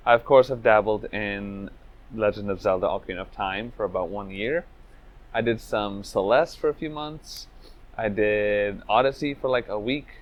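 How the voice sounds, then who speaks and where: A young man speaks in a fairly low voice. He tells his story in a relaxed, reflective way, padding his sentences with "like" and "you know". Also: muffled recording. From Venezuela, raised in Trinidad. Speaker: speedrunner interviewee. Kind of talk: casual interview storytelling.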